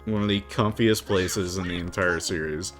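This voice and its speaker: A man's voice: low-pitched, steady tone, moderate pace. A man giving casual, jokey commentary while playing a video game, laughing often, with game music behind. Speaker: game streamer. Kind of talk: casual let's-play commentary.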